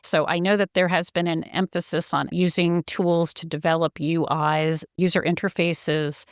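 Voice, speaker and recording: A company chief executive, interviewed as a guest, explains her answers in an earnest, enthusiastic and articulate manner. Her voice is fairly low and level at a moderate pace, recorded in a clean studio with no echo.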